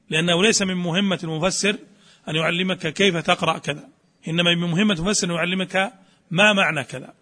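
A man's voice: high voice, bright, forceful tone. A man giving a scholarly lecture who keeps asking rhetorical questions and answering them himself. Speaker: teacher of Quranic studies.

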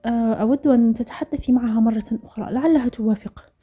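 A woman voicing a lovesick, gentle young man in a storybook narration, talking softly and wistfully. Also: fairly high pitch, fast talker, husky. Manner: soft, wistful, quietly pleading. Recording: dull lo-fi audio with faint music.

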